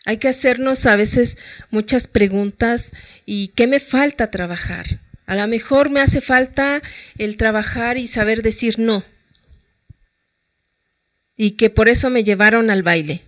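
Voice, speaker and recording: A woman's voice: on the high side, a little slow, pauses often, dry recording, highs cut off. A middle-aged woman psychologist with a Mexican Spanish accent, giving colloquial advice and asking her listeners rhetorical questions. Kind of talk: talk-show advice talk.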